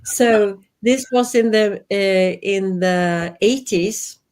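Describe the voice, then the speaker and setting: A woman from Sweden, aged in her fifties, reflects earnestly as an interview guest in her role as a life and business coach, with a Swedish accent. She takes her time, in a medium-pitched and slightly mellow voice.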